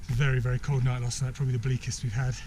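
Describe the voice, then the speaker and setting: A man's voice: medium pitch, little pitch movement, rapid-fire, mellow. Chatty man vlogging outdoors. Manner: chatty, upbeat, thinks aloud while hiking. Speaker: trekker filming his trek. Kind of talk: casual vlog narration. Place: outdoors on a high mountain trail. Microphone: handheld camera. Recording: outdoor camera mic with clear wind and ambient noise. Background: mountain ambience, helicopters.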